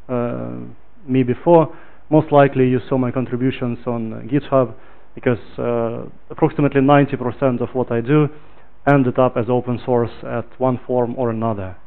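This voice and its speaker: A man's voice: mid-range voice, normal speed, hardly any pauses. A man from Ukraine giving a technical talk at a meetup, speaking English with frequent "uh" fillers. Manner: relaxed, filler-heavy, loud when projecting to the room. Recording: tinny phone-like audio.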